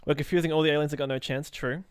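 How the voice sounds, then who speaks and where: A man's voice: fairly high pitch, fairly even intonation, very fast, smooth, no echo, clean studio sound. A young man live streaming while he draws, chatting loosely with viewers and reading out and answering their messages in a rambling way.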